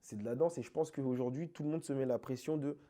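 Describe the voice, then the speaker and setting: A man being interviewed about dance, talking in an animated, emphatic, slangy way. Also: mid-range voice, quick pace. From France. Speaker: interview guest, krump dancer. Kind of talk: casual conversational interview.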